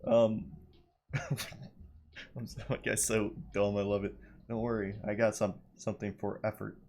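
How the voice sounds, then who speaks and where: A man's voice: lowish voice, level tone, measured pace, gravelly, a little mellow, a little hiss or hum. A man streaming a video game, playful and giggly, reading dialogue options aloud. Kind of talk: casual gameplay commentary.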